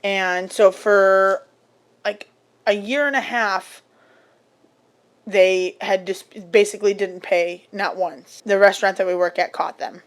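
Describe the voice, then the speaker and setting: A woman's voice: mid-range voice, steady tone, slow pace. A woman hosting a podcast, telling stories in casual chat, swearing and laughing along the way. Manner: chatty storytelling with swearing and laughs. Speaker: podcast host.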